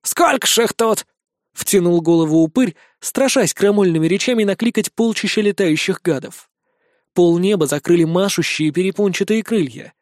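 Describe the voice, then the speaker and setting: A man narrating a children's fantasy audiobook in an even, storytelling manner on a close mic. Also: sits high, normal speed, dry recording.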